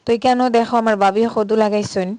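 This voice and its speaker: A woman's voice: medium pitch, steady tone, quick pace, a little mellow, no echo. A middle-aged woman with a Sylheti Bengali accent, chatting unhurriedly as a vlogger with frequent "ah" fillers. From Sylhet, Bangladesh. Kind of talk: casual vlog narration.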